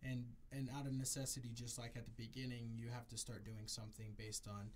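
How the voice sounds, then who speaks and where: This medium-pitched, fairly quick voice belongs to a Jamaican DJ, now an adult, who moved to the US as a child. His tone stays level as he talks through a reflective, casual interview, restating things for emphasis.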